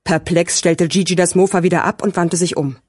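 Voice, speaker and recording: A woman narrating a crime audiobook in a steady, measured way. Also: lowish voice, husky, no echo, clean studio sound.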